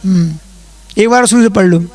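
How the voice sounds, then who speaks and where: A man who is a monk, leading a class in reciting and explaining Sanskrit verses, chanting slowly and then explaining in quick asides. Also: high-pitched, a little mellow. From India. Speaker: Jain monk teaching a class.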